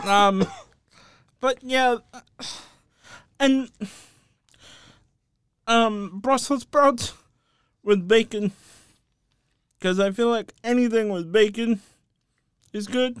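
A podcast co-host in casual sports chat, talking haltingly and pausing to search for words while giving blunt food opinions. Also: medium pitch, clean tone, no echo, studio quality. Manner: defends unusual food picks with blunt opinions.

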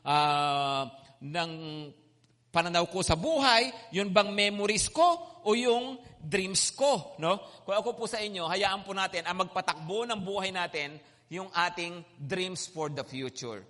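A man's voice: high-pitched, lively intonation, unhurried, sharp tone. A man preaching in a polite, conversational way, often checking in with his listeners through tag questions. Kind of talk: conversational sermon. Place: Manila. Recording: hall reverb.

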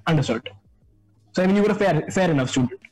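A man's voice: fairly high pitch, animated, fast talker, darkish tone, faint music behind. A young man from India with an Indian accent, a student interviewer chatting casually. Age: young adult.

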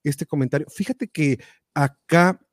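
A man hosting a live talk show, reading out viewer comments with animated, exclamatory reactions. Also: a little high, measured pace, dry recording, studio quality. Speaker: show host.

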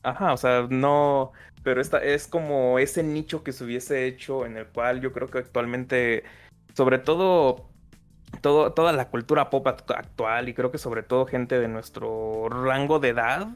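A man's voice: medium pitch, steady tone, a little slow, smooth. A young man with a Mexican accent talks casually on a podcast, drifting between thoughts and laughing often. His voice sits in a plain middle range, and faint music plays underneath. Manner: chatty, rambling, laughs often, Mexican slang. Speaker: podcast host. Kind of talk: casual chat.

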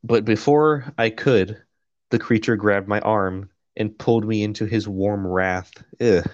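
A man with a lowish voice reads a novel aloud at an unhurried pace, dropping out of the text for crude jokes and laughs. His voice sounds slightly muffled, close and dry with no room echo. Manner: reads prose flatly, breaks off for profane jokes and laughter. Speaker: podcast co-host reading a novel aloud. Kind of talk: casual chat and reading aloud.

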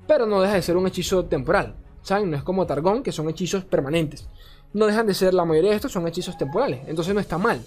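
Man, casual card commentary, animated, cursing, stumbling over names, soft music behind. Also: a little high. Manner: animated, swearing, ranting, often stumbling over forgotten names. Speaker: card game content creator.

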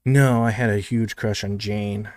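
A laid-back young man chatting on a movie podcast, trading rambling jokes. His voice sits a bit low, recorded close and dry with no room sound at all. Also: steady tone, unhurried, darkish tone, no echo. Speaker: podcast co-host. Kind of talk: casual chat.

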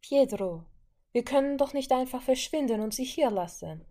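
A woman's voice: sits high, lively intonation, normal speed, mellow, pitched above the performer's own voice. A woman voicing an earnest young woman who pleads urgently in an audiobook story. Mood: pleading.

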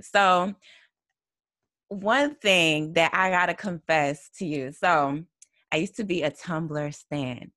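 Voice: mid-range voice, slow, bright, forceful tone. A young adult podcast host who talks in an upbeat, giggly, conversational way while running the interview. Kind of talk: casual interview chat.

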